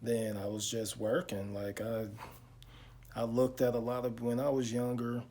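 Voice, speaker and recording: A man, talking slowly and reflectively to his viewers in a casual vlog, with lots of pauses and fillers. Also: mid-range voice, level tone, mellow. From Chicago. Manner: slow, reflective storytelling with many pauses and fillers. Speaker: car vlogger. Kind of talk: casual talk to camera.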